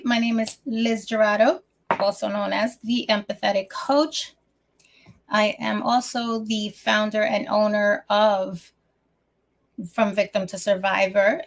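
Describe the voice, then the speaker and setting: Slightly breathless woman coach, gravelly. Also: medium pitch. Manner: rambling, many restarts and fillers. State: a little out of breath. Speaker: host and life coach. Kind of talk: casual solo talk show.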